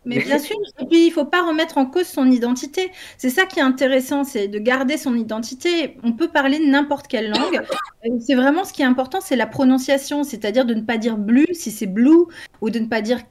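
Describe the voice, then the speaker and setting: A woman talks with eager enthusiasm, her voice sitting a little high. She explains in long, flowing runs sprinkled with fillers, like a co-host in a relaxed group chat. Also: a little fast. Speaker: co-host presenting a language-learning project. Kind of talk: casual group discussion.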